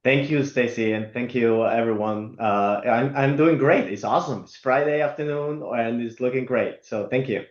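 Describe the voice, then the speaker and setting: A man from Italy, speaking as an interview guest in a halting way with many fillers and restarts. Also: mid-range voice. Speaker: guest, company executive. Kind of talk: conversational interview. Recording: roomy, dull lo-fi remote audio.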